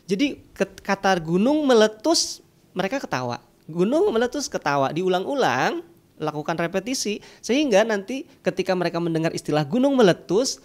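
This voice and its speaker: A man's voice: high voice, very animated, moderate pace. A man who is a children's storyteller, explaining in a podcast conversation. He talks animatedly and uses sound effects.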